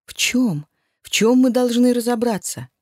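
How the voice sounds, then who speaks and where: A woman voicing a panicked, defensive young woman in an audiobook, shrill and nervous. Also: lively intonation, unhurried, darkish tone, no echo, clean studio sound. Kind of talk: audiobook reading.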